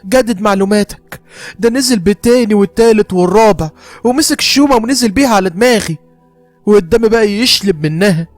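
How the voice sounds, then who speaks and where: A man's voice: very high voice, dry recording. A man voicing a long-suffering middle-aged Egyptian mother who is bitter but devoted, speaking with an Egyptian Arabic accent in emotional, pleading bursts. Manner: emotional, pleading, rapid outbursts. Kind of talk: horror story narration.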